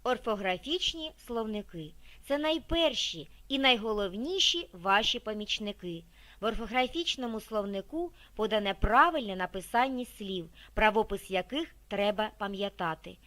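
A woman narrating a scripted library video, reading in a measured, expressive way with careful pauses between listed words. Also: mid-range voice.

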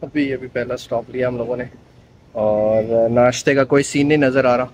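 Riding his motorcycle along a desert highway, a man in his thirties gives relaxed travel commentary for his vlog, speaking at a moderate pace and mixing in English words. Faint wind and engine sounds come through the helmet or action-camera microphone.

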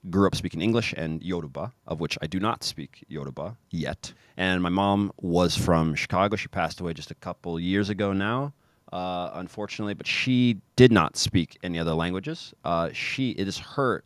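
Joining a casual podcast interview by video call, a pro soccer player from Kansas City, USA, speaks in a low voice at a moderate pace. He's using a studio mic on a boom arm in a home room decorated with football shirts on the wall, and the recording is dry. His delivery is energetic, packed with fillers and restarts.

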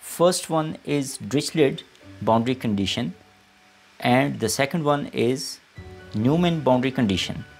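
Male lecturer, gravelly voice, scripted lesson read in short dictated phrases, music behind. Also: medium pitch, animated. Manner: deliberate, reading aloud in short phrases as if dictating. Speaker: maths lecturer.

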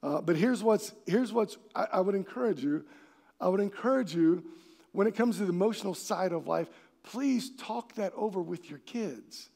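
A man pastor preaching a sermon in a church, animated and acting out quoted voices, sometimes shouting for emphasis. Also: high-pitched, moderate pace, gravelly. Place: church sanctuary.

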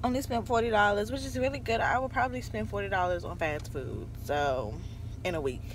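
A woman's voice: medium pitch, a little fast, a little hiss or hum. Chatty young woman vlogging from her phone. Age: 20s. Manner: chatty, repeats "really, really good". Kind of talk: casual vlog chat. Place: car, then home kitchen.

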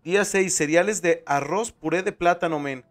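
Joking Mexican streamer, slightly high voice. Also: male voice, normal speed. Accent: Mexican Spanish. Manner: joking, slangy, tags lines with "men". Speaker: streamer playing a horror game. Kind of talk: casual gameplay commentary.

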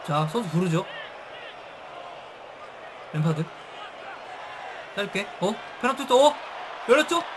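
A man giving excited live commentary on a football video game, with shouted bursts at big plays and casual slang. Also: high-pitched, slow, long pauses. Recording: stream with game music and crowd noise.

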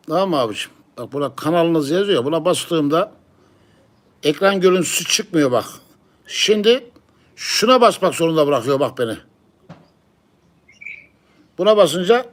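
A man with a fairly high voice in a casual chat. He explains what he is doing step by step, going back over the same points in short repeated phrases. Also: animated, a little slow, pauses often. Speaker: pigeon live-stream channel owner.

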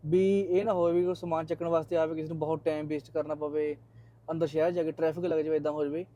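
A man's voice: a little high, flat delivery, quick pace, mellow. A man with a Punjabi accent, chatting casually to his viewers as a vlogger. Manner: chatty, addresses viewers as friends. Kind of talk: casual vlog narration to viewers.

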